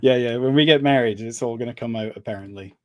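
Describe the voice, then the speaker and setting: A guest in his forties, raised in the Middle East by Scottish parents, answers questions in a casual interview chat with easygoing, dry humor. His mid-range voice moves at a quick pace, with no room sound.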